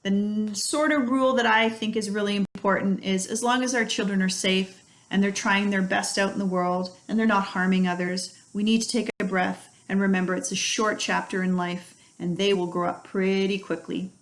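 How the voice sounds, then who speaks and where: A woman's voice: mid-range voice, steady tone, moderate pace, hardly any pauses. A middle-aged woman speaks as an early childhood educator, guiding parents through practical tips. Her delivery is friendly and down-to-earth, and she explains each idea with everyday examples. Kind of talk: instructional talk to parents.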